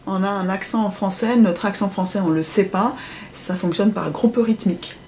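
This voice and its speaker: A woman's voice: mid-range voice, normal speed, darkish tone, slight background noise. A woman voice coach explaining how speech works, acting out example phrases in different tones as she talks. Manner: demonstrative, acts out example phrases in varied voices. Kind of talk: explanatory interview talk.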